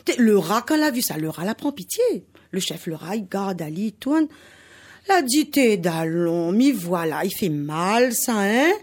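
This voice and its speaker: A woman's voice: medium pitch, very animated, a little slow, a little mellow. A woman from Réunion with a Réunion Creole French accent, telling a folk tale on the radio with sound effects and laughter. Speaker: storyteller guest.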